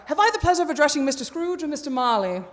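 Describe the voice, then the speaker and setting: A woman playing a polite, earnest gentleman charity collector in a radio play, formal and persistent. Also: sits high, very animated, very fast. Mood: courteous, earnest. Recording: long hall reverb.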